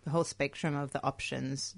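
Aussie woman on community radio, low voice, thinks out loud with lots of ums, laughs easy. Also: fairly even intonation, a little fast, gravelly. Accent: Australian. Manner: reflective, hesitant, many fillers, laughs easily. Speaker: radio co-host. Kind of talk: casual radio chat. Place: radio studio.

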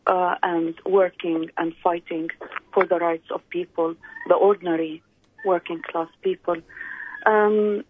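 An older woman from the Palestinian diaspora, a candidate speaking slowly and haltingly in a radio interview over the phone. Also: lowish voice, no echo. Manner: slow, halting, many pauses and fillers. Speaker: political candidate guest. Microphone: phone call. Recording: tinny phone line.

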